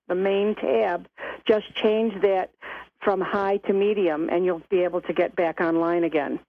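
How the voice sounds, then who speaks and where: A woman's voice: mid-range voice, no echo. A woman calling in to a radio show, polite and chatty, heard over a phone line. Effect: phone line call-in. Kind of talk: call-in question to a tech show.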